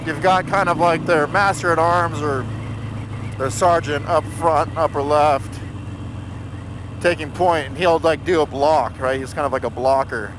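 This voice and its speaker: A man's voice: a little high, measured pace. Chatty man filming from a motorcycle. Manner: chatty, self-mocking, laughs often. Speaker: motovlogger. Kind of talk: casual vlog commentary while riding. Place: outdoors on a motorcycle in city traffic. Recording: road and engine noise behind.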